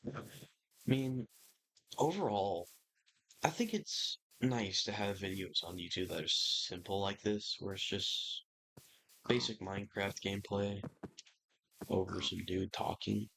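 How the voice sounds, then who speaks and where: A man's voice: lowish voice, unhurried, creaky, pauses often, a bit bright, a little hiss or hum, low-quality recording. A young man chatting casually and rambling over his gameplay, swearing now and then. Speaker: gaming YouTuber. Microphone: computer microphone.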